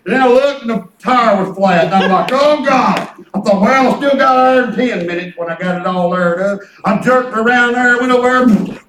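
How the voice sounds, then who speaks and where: A man in his fifties preaches in a very high-pitched voice with a rural Southern twang. His delivery is folksy, excitable and rambling, full of colloquial storytelling. He is heard from a distance in an echoey church room. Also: normal speed, few pauses, slight background noise. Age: 50s. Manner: excitable, colloquial, chuckles through anecdotes. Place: church hall with responding congregation.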